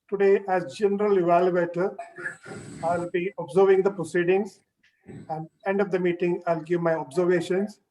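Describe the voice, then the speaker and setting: High-voiced man making formal remarks. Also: darkish tone, low-quality recording. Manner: formal, brief announcement. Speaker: meeting evaluator. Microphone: video call.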